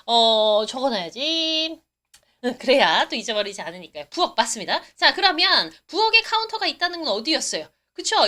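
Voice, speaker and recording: Woman, Korean accent on English, high voice, bright tone, live English lesson, coaxing, slow drill repeats. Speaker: TOEIC English instructor.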